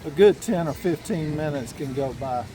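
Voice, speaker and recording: A man's voice: a little high, expressive, moderate pace, noisy background. Easygoing man on a walking tour. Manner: easygoing, explanatory. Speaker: vlog co-host. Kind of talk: casual walking-tour commentary. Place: outdoors at a waterfront marina, walking.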